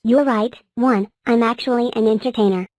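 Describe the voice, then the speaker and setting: A woman voicing a gentle young cartoon number character in a fan cartoon, speaking softly and earnestly. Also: on the high side, steady tone, moderate pace, no room sound, lightly acted.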